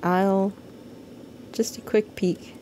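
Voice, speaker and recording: Female horror game streamer, scared and nervous, mellow delivery, slightly noisy background. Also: medium pitch, fairly even intonation, drawn-out words. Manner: scared, nervous asides to chat. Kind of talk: live horror game playthrough, reading dialogue aloud.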